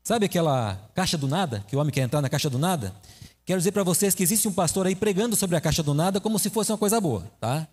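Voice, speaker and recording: High-voiced preacher in an echoing hall. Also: male voice, lively intonation, quick pace, a little mellow, slightly rough. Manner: conversational, asks the audience questions. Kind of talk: sermon. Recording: echoey hall reverb.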